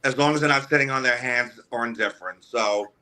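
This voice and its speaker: A man's voice: medium pitch, brisk, pushed and bright. A man who works as a wrestling manager, guest on a radio show, talking casually with many restarts and "you know" fillers. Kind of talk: casual interview talk. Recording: remote call audio.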